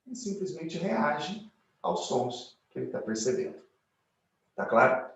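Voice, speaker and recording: A man's voice: mid-range voice, far from the mic. A man giving a motivational lecture on communication, asking the audience rhetorical questions and acting out little quoted lines. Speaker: speaker giving a corporate talk. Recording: very echoey room, mic set back.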